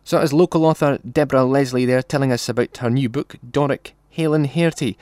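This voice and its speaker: A man works as a radio interviewer, asking questions and summing up for listeners. His delivery is brisk and quick, at an average male pitch. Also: a little mellow.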